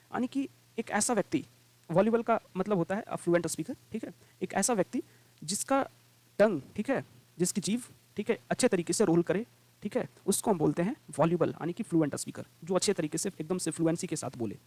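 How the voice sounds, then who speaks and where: A man teaching vocabulary in a lively lesson, checking in often with the class and reading definitions slowly. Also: sits high, no room sound. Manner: repeats "ठीक है" and "right" as check-ins, quick and energetic; reads English definitions slowly and deliberately.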